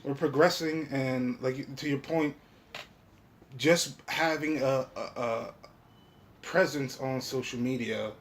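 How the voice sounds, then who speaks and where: Taking his time, a man with a mid-range voice hosts a casual podcast, swearing freely in profane, slangy, informal language. Background noise can be heard, though the recording stays clear.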